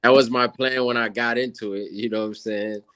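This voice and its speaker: This Senegalese man in his thirties, a native Wolof speaker and guest musician, chats casually in an interview. His medium-pitched voice is clear and resonant, a little fast, and captured in a clean studio with no room sound. He's relaxed and rambles with plenty of fillers.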